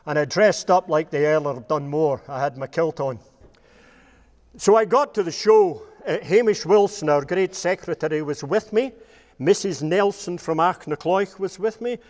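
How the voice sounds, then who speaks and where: A man's voice: a little high, moderate pace, darkish tone, long reverb tail. An older Scottish man giving a rambling, humorous talk to a live audience about his years as a cattle judge, laughing at his own jokes as he goes. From Scotland.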